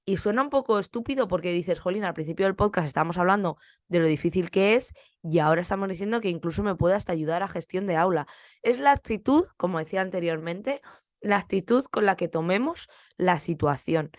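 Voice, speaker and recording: A woman's voice: lowish voice, lively intonation, fairly quick, no room sound, clean studio sound. A young woman teacher from Spain, with a Spanish accent, chatting casually on her podcast and acting out bits of classroom dialogue.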